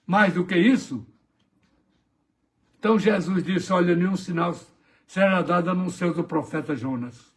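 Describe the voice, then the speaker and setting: A man's voice: sits high, moderate pace, pauses often. A man preaching a morning devotional sermon as a pastor, retelling gospel scenes dramatically and acting out the voices in them.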